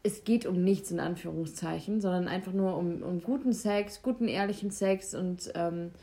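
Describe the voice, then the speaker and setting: Junge Frau, locker und offen plaudernd. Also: female voice, on the low side, normal speed, mellow. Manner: candid, laughing, acts out quotes. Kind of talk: casual chat.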